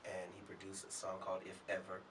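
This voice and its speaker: A man who is a singer and a guest on a talk show. He tells stories from his career in a relaxed way. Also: low voice, fast, recorded from a distance, noisy background. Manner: relaxed anecdotal storyteller. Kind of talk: storytelling in an interview.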